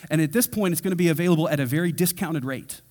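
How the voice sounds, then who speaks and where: A man's voice: fairly high pitch, rapid-fire, darkish tone. A man preaching a verse-by-verse sermon in a casual, conversational way, acting out quotes in everyday voices. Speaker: pastor. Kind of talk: expository sermon.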